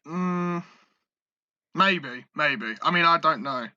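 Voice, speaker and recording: Casual podcast co-host, male, sharp bright tone, dry close sound, stumbles over words. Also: a little high, takes it slowly, no room sound, muffled recording. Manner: stammering, swearing, excitable. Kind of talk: casual chat.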